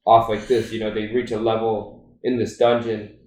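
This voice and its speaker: A man co-hosting a podcast, talking in a casual, rambling way with lots of fillers and animated retelling. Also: on the low side, moderate pace, roomy sound, recorded from a distance, rough recording. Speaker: podcast co-host. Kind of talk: casual chat.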